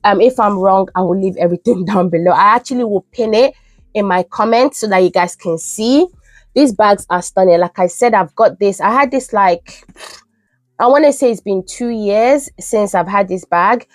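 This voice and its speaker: A young woman with a cold-stuffed, nasal voice chats enthusiastically as a beauty vlogger, reviewing products in a casual vlog from her UK home. Her pitch is medium and her pace moderate, with no room sound.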